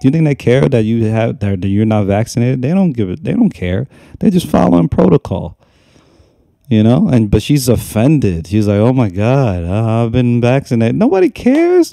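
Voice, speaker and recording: A man's voice: mid-range voice, big pitch swings, moderate pace, gravelly, mellow, no room sound, studio quality. A young man hosting a reaction video, talking in a casual, mocking and exasperated way and repeating himself as he scolds, recorded at a desk microphone in a small room at home. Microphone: desk microphone on a stand.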